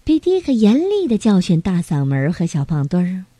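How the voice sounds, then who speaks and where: Lady reading a bedtime story to kids, mellow voice, lively pitch, dry close sound. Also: a little fast, no room sound. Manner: gentle, storytelling to children.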